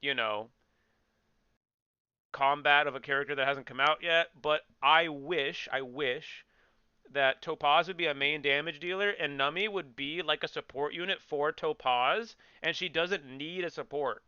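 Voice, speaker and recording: A man's voice: fairly high pitch, measured pace, bright, forceful tone, smooth, dry recording, muffled recording. A man streaming a game, chatting casually with viewers in a joking, rambling way and repeating himself.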